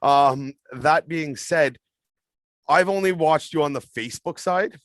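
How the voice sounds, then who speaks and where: A man's voice: fairly high pitch, a little slow, no room sound. A man hosting a casual streaming interview, asking long rambling questions in a friendly way. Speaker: podcast host.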